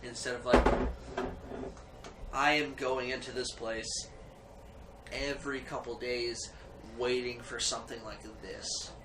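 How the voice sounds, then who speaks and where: A man chatting casually about beer in a tipsy, halting, meandering way with some swearing. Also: medium pitch, flat delivery. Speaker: beer reviewer. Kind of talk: casual tipsy chat among friends. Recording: echoey room, background ambience noise.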